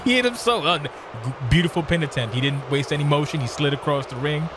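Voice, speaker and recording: A male color commentator with a somewhat high voice talks over clearly audible music. He sounds conversational and salty, feeling his way through phrases in a halting, casual manner as he comments on wrestling.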